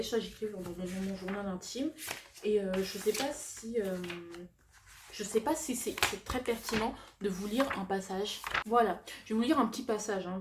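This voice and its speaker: A young woman talks to her viewers in a casual, confessional way, at a middling pitch. Her s sounds come out slushy with a lisp. She is animated yet halting, often correcting herself and slipping in slang and English words. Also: noisy background. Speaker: vlogger.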